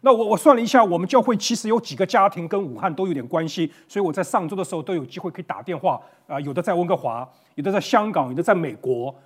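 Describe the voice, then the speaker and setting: High-voiced earnest preacher man. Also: animated, quick pace, few pauses. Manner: earnest, conversational, with restarts. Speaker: pastor. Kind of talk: online sermon. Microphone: facing a camera.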